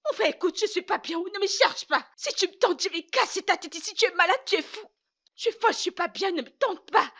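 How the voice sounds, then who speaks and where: Stubborn, unfaithful young wife in a dubbed drama; high-pitched, challenging and heated. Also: female voice, expressive, a little fast, a bit bright, exaggerated voice. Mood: defiant. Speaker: wife in a marriage dispute.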